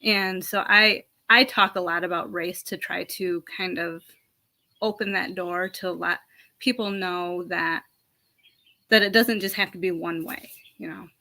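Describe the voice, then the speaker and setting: A woman's voice: lowish voice, fairly even intonation, a little slow, creaky, sharp tone. A young adult American woman telling a personal story in a reflective, hesitant way, with frequent ums and restarts. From United States. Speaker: panel speaker.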